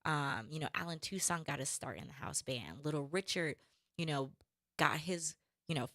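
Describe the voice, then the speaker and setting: A woman's voice: low voice, expressive, moderate pace, a bit bright, no echo, clean studio sound. A woman guest on a radio talk show, talking with enthusiasm about an event she runs. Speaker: guest, brunch show organizer. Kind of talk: casual radio interview.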